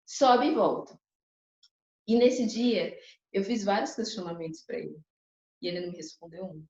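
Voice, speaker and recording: A woman's voice: medium pitch, normal speed, darkish tone. A young woman gives a personal testimony at a church couples' course. She tells her story with emotion and often turns to her listeners. The hall echoes noticeably, and the recording sounds a little dull and muffled.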